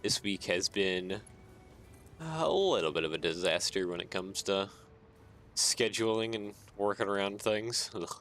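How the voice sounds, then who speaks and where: A man's voice: lowish voice, measured pace, a little hiss or hum. A man streaming a game, casually talking himself through building and chuckling often, tired and yawning. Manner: thinks aloud, chuckles often, relaxed rambling. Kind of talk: casual gameplay commentary. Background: soft background music.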